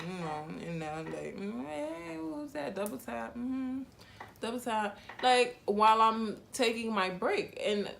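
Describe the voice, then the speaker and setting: Slangy, animated woman telling a story. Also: mid-range voice. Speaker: hairstylist. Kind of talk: storytime vlog.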